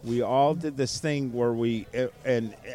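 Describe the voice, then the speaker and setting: A man's voice: medium pitch, steady tone, a little slow, warm tone. A man hosting a casual podcast chat, easygoing, laughing along and hesitating with fillers as he thinks. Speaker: podcast host.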